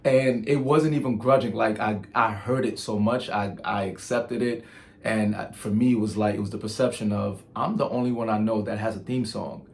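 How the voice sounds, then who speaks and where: A man's voice: lowish voice, fairly even intonation, moderate pace, darkish tone. A man from Nigeria, hosting his own channel and telling stories in a casual, chatty way full of ums. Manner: chatty and storytelling, with filler ums and restarts. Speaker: channel host. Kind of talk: casual vlog monologue.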